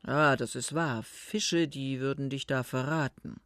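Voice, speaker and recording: A calm, easygoing grown man in an audiobook, speaking in a dry, low-key way, as the reader gives him a slightly lower voice. His lines come slowly, set in a very dry, close sound. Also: no room sound, lightly acted. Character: calm grown man rowing with a truant boy. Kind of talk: audiobook reading of dialogue.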